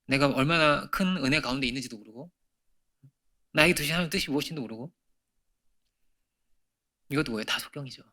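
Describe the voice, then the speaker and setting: A middle-aged pastor delivers a conversational Sunday sermon in a church sanctuary, his mid-range voice sharp in tone and fast, yet broken by long pauses. He poses frequent rhetorical questions and ranges from emphatic highs to near-whispers.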